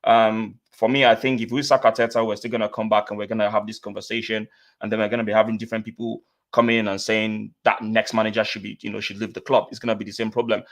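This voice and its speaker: Fast-talking man hosting a football stream. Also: fairly low pitch, little pitch movement, vocal fry. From Nigeria. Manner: talks fast, repeats himself, reads out viewer comments. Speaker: host of a football reaction stream. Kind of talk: casual live-stream chat. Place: home studio, remote guests on call.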